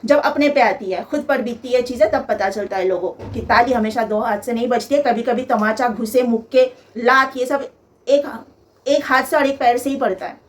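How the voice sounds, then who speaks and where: A woman's voice: a little high, normal speed. A young woman vlogger telling a personal story in an emphatic, aggrieved way, piling up lists of complaints.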